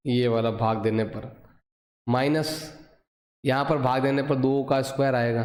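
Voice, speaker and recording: A man's voice: medium pitch, darkish tone. A male math teacher with a Hindi accent explaining a lesson step by step, asking and answering his own questions. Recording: echoey room, voice drifting from the mic.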